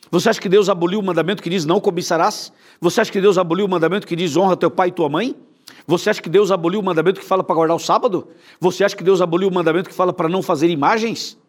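A man with a Brazilian Portuguese accent preaching a sermon as a pastor, emphatic and putting questions straight to the viewer. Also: high-pitched.

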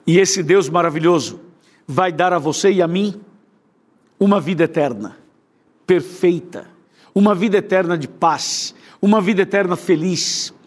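A Brazilian man delivering a fervent sermon with a Brazilian Portuguese accent. His voice sits a little high for a man. He preaches in a rhythmic, repeating cadence. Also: normal speed.

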